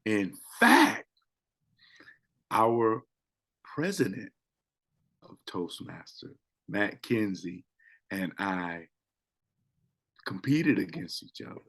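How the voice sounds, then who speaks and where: Pausing often, a man with a fairly low voice and noticeable vocal fry speaks very slowly in relaxed conversation on a talk show, where he co-hosts and works as a public speaking coach. He gets animated, echoing phrases for emphasis and alternating loud and quiet moments for effect.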